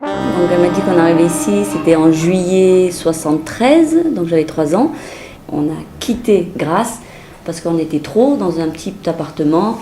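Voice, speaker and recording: A woman in her thirties, recalling memories in a lively way in a documentary interview. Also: lowish voice, moderate pace. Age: 30s. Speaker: resident. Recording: echoey room with faint music.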